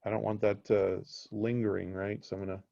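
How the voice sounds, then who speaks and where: Casual male tech instructor, mellow voice. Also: fairly low pitch, level tone, fairly quick, gravelly. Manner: casual, checks in with students often. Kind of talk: live technical class lecture. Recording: dull lo-fi recording.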